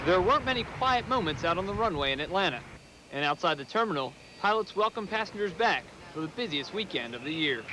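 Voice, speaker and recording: A man's voice: sits high, very animated, fast, background noise. A man working as a television news reporter, narrating a scripted news package.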